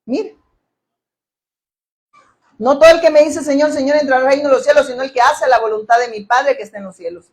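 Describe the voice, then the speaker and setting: A woman's voice: high-pitched, a little fast, long pauses. A woman preaching a sermon, emphatic, asking the congregation questions and acting out quoted voices.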